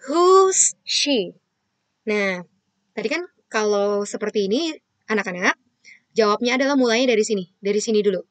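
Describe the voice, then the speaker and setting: A patient primary school English teacher gives an online lesson to children, explaining step by step and asking questions she then answers herself. Her voice is medium-pitched, with no echo.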